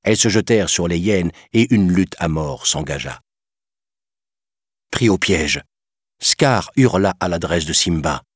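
A man tells a storybook tale in a calm, measured narration. His voice sits extremely low and moves slowly, with a husky texture. The recording is close and dry. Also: dry recording.

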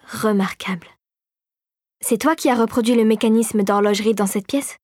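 A woman voicing a gentle older male inventor and mentor in an audiobook, softly and often in a murmur. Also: fairly high pitch, normal speed, no room sound, clean studio sound, natural voice. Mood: thoughtful. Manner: softer and hushed, often murmured. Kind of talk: audiobook character voice.

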